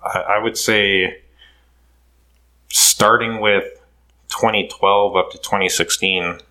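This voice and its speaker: A man in his thirties from Curaçao, a podcast guest telling his story in a relaxed way with many fillers. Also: on the low side, slow, low-quality recording. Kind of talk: casual interview.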